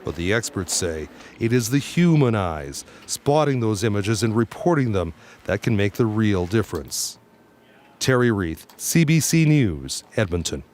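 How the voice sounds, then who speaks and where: A man narrating a television news report in a measured, scripted reporting manner. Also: lowish voice, sing-song, a little mellow, a little hiss or hum.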